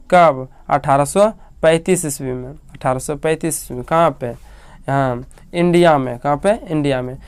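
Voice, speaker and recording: A man's voice: a little high, smooth, dry recording. A man with an Indian accent teaching an English grammar lesson, asking questions and answering them himself, repeating each key fact. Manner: asks and answers his own questions, repeating key facts. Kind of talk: spoken classroom lesson.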